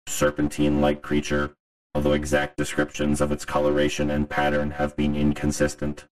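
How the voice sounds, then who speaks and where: A man voicing a stern emergency announcer who cuts into a broadcast, reading a public warning in a slow, grave, monotone way. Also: extremely low pitch, poor audio.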